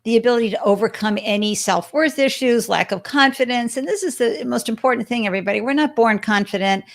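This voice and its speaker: A woman's voice: on the high side, fast talker, vocal fry. A woman hosting an interview show, encouraging and speaking to her listeners. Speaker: podcast host. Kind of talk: casual interview.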